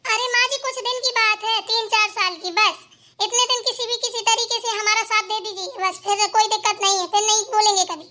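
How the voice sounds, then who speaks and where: A woman's voice: very high voice, steady tone, fairly quick, bright, forceful tone. A woman voicing a defiant young daughter-in-law in a cartoon, assertive and determined to study. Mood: pleading. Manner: pleading then defiant, assertive. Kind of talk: cartoon voice acting.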